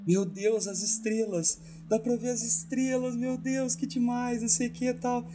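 A woman's voice: a little high, fairly even intonation, normal speed, over music, voice pushed up, lightly acted. A man voicing an overjoyed, tearful teenage girl student who shrieks with delight. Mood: amazed.

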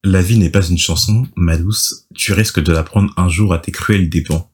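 A young man with a low voice hosts a casual podcast discussion of a novel, reading from it and summarizing chapters. He speaks at a moderate pace with fairly even intonation, full of fillers and restarts.

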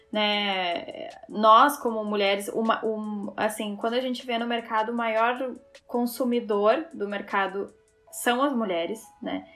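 A woman with a fairly high voice chats as an interview guest, spinning anecdotes and breaking into laughter as she goes. Faint music plays softly behind her. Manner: chatty storyteller, laughs while talking. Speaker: guest, fashion designer. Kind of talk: casual interview chat.

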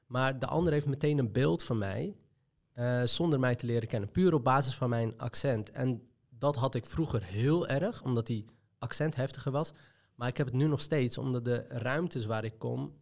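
A man's voice: mid-range voice, a little mellow. A man with an Amsterdam Nieuw-West accent, talking earnestly and reflectively in a casual discussion. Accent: Amsterdam Nieuw-West street accent. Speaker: panel guest. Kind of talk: casual chat.

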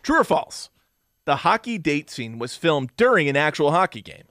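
A man's voice: a little high, big pitch swings, normal speed, fairly bright tone, dry recording. A man co-hosting a podcast in casual chat, wry and rambling as he runs a trivia quiz. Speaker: podcast co-host.

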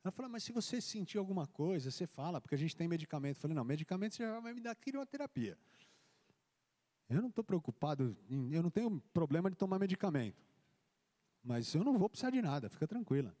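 A man's voice: fairly high pitch, quick pace. A man, a pastor, telling his testimony in a church service, acting out the dialogue as he tells it. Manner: animated storytelling, acting out dialogue. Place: church hall. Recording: long church hall reverb.

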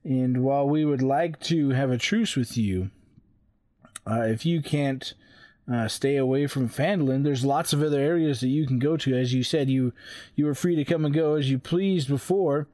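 A man's voice: medium pitch, normal speed, dark tone, no echo, studio quality. A man playing a tabletop role-playing game, negotiating casually in character in his everyday voice.

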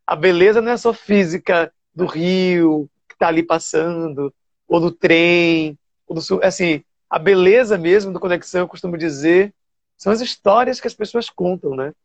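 A TV presenter from Bahia, telling stories animatedly with fillers and restarts. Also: male voice, sits high, normal speed, no room sound, lo-fi sound. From Bahia, Brazil. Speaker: TV show presenter. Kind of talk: casual storytelling interview.

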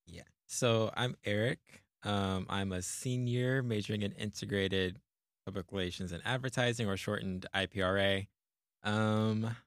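A man's voice: fairly low pitch, a bit bright, no room sound, clean studio sound. A young man in his twenties, speaking in an easygoing way as a student guest in a casual chat. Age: 20s.

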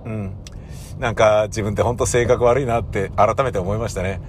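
A man's voice: moderate pace, a little hiss or hum. A man hosting his own channel, rambling in a casual, self-mocking monologue from inside a car. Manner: rambling, self-mocking, lively pitch swings. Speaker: channel host.

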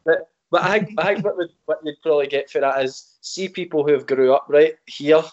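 A man's voice: a little high, brisk, a little mellow, muffled recording. A man with a broad Glaswegian accent chatting casually in colloquial Scots, with some swearing and acted-out quotes. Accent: broad Glaswegian Scottish. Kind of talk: casual chat.

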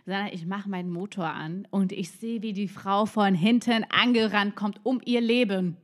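A young woman co-hosting a casual podcast, telling a story with lively quoted voices and frequent laughter. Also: medium pitch, moderate pace. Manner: animated, acts out quotes, laughs while telling. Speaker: podcast co-host.

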